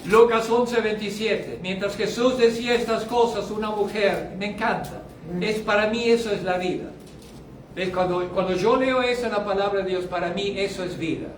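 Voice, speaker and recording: A man with a high, light voice preaches from the pulpit. He stretches his key lines slowly and loudly, then drops to low, muttered asides. The sound is roomy and heard from some distance, with faint hall ambience behind him. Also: steady tone, a little hiss or hum. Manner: emphatic preaching with sharp swings from loud to low. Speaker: pastor. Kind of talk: sermon. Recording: echoey hall, mic at a distance.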